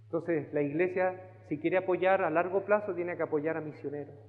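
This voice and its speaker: A man with a Chilean accent, a pastor preaching a sermon and telling his own story with lively acted-out voices. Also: a little high, normal speed. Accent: Chilean Spanish. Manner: animated storyteller acting out voices. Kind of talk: sermon testimony. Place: church sanctuary. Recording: phone-like band with long hall reverb.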